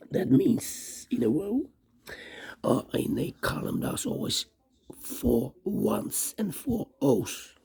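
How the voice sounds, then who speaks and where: A puzzle instructor, voice gone, talks through the solution in a hoarse whisper, counting cells aloud and repeating the rule phrases. The voice is mid-range with a dark tone.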